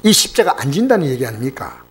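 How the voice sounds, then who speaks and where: A male pastor preaching an emphatic, animated sermon. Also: mid-range voice, quick pace, husky.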